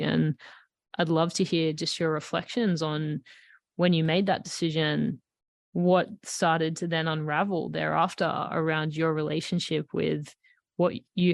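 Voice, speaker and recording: A woman's voice: deep voice, level tone, a little slow, creaky, dry recording, studio quality. A woman hosting a podcast, asking thoughtful, reflective questions with fillers like "you know". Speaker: podcast host. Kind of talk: interview questions.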